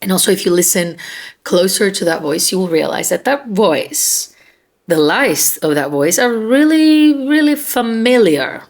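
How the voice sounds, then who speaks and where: A woman talks straight to camera in an earnest, conversational self-help lesson. Her voice sits at a medium pitch, and she often pauses with small fillers. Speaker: self-help video host. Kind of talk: direct-to-camera educational talk.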